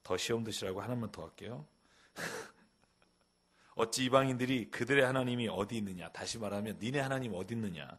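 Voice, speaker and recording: A middle-aged man preaching a sermon as a pastor, with a husky voice, acting out quoted questions and his daughter's lines. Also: medium pitch, fairly quick, a bit bright. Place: church sanctuary.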